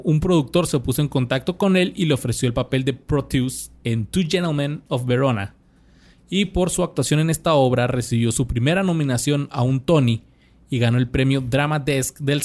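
A young adult man with a Mexican Spanish accent, hosting a podcast, casually reads a biography from his notes, restarting now and then and dropping in slangy asides. His laid-back, mid-range voice is a little mellow and fairly quick.

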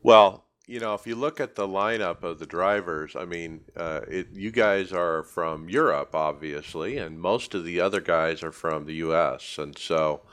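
A man's voice: deep voice, unhurried, few pauses, fairly bright tone. A man hosting a racing podcast, asking loose conversational questions. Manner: conversational, leading questions with fillers. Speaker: podcast host. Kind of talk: interview questions.

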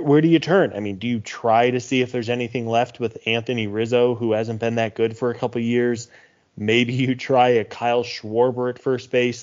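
A man's voice: mid-range voice, a little mellow. A man co-hosting a sports podcast, speaking earnestly and reflectively with plenty of fillers. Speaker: podcast co-host. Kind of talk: casual sports podcast talk. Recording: muffled lo-fi podcast audio.

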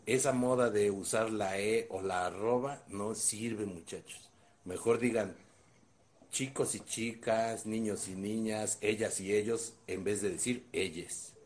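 A Mexican man in his forties co-hosting a loose, joking podcast chat. His voice sits on the low side, and he laughs easily and leans on slang. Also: fairly even intonation, measured pace. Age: 40s. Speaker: podcast co-host. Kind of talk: casual comedic chat.

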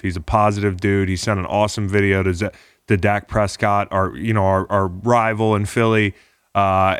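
A man's voice: fairly low pitch, a bit bright, smooth, no echo, studio quality. A man hosting a podcast, talking casually in a rambling, encouraging way. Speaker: podcast host.

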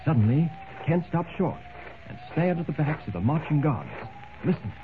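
Lively old radio show narrator man. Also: a little high. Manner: dramatic, measured storytelling. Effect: old radio show broadcast. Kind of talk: 1940s radio drama narration. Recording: tinny old radio recording with faint hiss.

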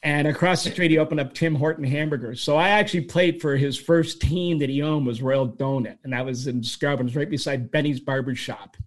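A man's voice: a little high, brisk, few pauses. A man in his sixties from Toronto, Canada, telling long stories as an interview guest, rambling and restarting as he goes. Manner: rambling, animated storyteller with frequent restarts. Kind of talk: storytelling interview answers.

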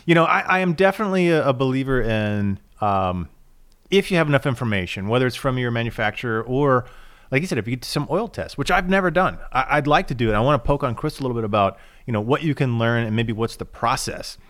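A man's voice: mid-range voice, expressive, quick pace, a bit bright. A male co-host on a car podcast who talks things through at length, easygoing and explanatory. He uses lots of fillers and restarts. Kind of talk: casual podcast chat.

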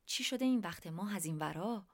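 A courteous, humble husband greets a guest with polite, measured words, as a woman reads his part. The voice stays close to the reader's own, in a middle pitch. It belongs in a read-aloud storybook. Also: expressive. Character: polite, deferential man of the house. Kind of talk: storybook reading.

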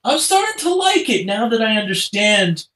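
A man's voice: sits high, big pitch swings, moderate pace, sharp tone. A man in casual, rambling discussion as a podcast panelist, recorded in an echoey room.

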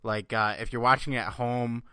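A man's voice: medium pitch, steady tone, moderate pace, sharp tone, smooth, no echo, studio quality. An American man hosting a sports podcast, chatting casually in a rambling way full of fillers. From US East Coast. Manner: rambling, profane, filler-heavy.

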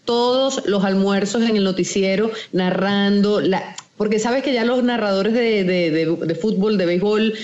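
A woman's voice: medium pitch, normal speed, a little mellow, lo-fi sound. Venezuelan woman recalling her story. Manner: reflective, storytelling with frequent fillers. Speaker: sports journalist guest. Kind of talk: conversational interview.

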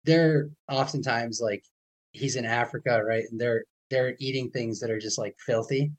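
A male podcast host keeps the talk casual and friendly. He often stutters on a word before a thought gets going. His pitch sits in a middle range for a man. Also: steady tone, normal speed, rough recording. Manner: friendly, chatty, repeats words when starting.

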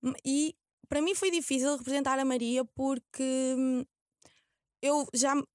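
A woman's voice: high voice, fairly even intonation, a little slow, a little mellow, dry recording, studio quality. A young woman with a European Portuguese accent chatting casually as an interview guest, slangy and mixing in English words. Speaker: guest, actress. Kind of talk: casual chat.

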